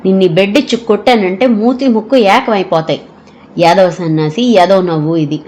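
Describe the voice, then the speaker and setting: A woman voicing a sharp-tongued, grumbling old mother-in-law in an audio story. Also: mid-range voice, normal speed, lightly acted. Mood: scolding. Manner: scolding, grumbling.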